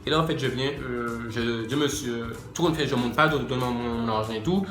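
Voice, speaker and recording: A man's voice: medium pitch, brisk, a bit bright. A man telling a casual storytime to his viewers, slangy and chatty, addressing them directly. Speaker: YouTuber. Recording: echoey room with faint music.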